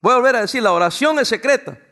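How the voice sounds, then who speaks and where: A male pastor preaching a sermon, pausing for the congregation to finish his lines. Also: very high-pitched, lively intonation, sharp tone. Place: church before a congregation.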